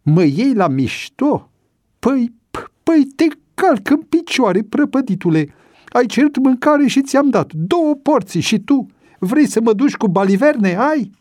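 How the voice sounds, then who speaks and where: A man voicing a hot-tempered, bullying police sergeant who shouts threats in an audiobook story. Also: on the low side, very animated, no echo, studio quality. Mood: raging.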